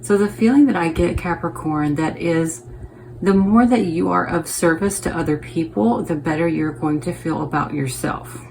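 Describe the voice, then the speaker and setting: A woman with a low, gravelly voice gives a relaxed tarot reading, chatting as she turns each card. She thinks out loud and keeps checking in with her viewers. There is faint noise behind her. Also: moderate pace, poor audio. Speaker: tarot reader.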